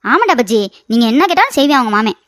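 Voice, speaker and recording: A shrill, quick-fire mother-in-law, played by a woman for a cartoon storybook, nagging and complaining about her aching knees. Her high voice races along, close and dry with no room sound. She scolds everyone around her without pause. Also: very animated, a bit bright, no echo. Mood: bossy. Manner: rapid scolding, complains of knee pain. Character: scolding sharp-tongued older mother-in-law. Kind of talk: animated storybook voice acting.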